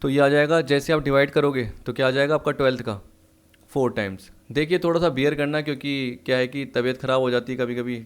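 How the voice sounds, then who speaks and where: A man's voice: mid-range voice, clean tone. A man teaching accounts, working through exam questions by asking and answering his own questions, at times short of breath. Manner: asks and answers his own questions, mixing English terms. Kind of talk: solving exam questions on a lesson video.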